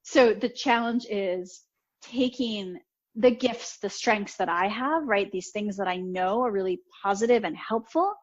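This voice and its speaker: A woman coach talking in a casual interview, telling animated stories and laughing often. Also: medium pitch, a little slow. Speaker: podcast guest, coach. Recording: slightly dull lo-fi audio.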